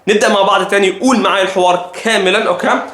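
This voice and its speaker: Egyptian male English teacher, higher voice, patient drilling of phrases, roomy echo. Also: fairly even intonation, a bit bright. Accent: Egyptian Arabic. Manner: slow careful repetition of English phrases. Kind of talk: language lesson.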